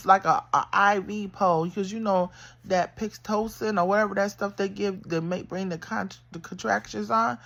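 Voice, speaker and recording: Gravelly middle-aged woman telling a story. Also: medium pitch. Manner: animated, emphatic, swings into loud bursts when retelling. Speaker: vlogger. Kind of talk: casual storytelling.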